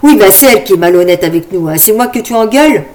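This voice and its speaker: A woman's voice: medium pitch, animated, fast, a little mellow, natural voice. A woman voicing a grumpy, sleep-deprived man on holiday who swears and snaps easily. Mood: irritated. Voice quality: gruff, cursing.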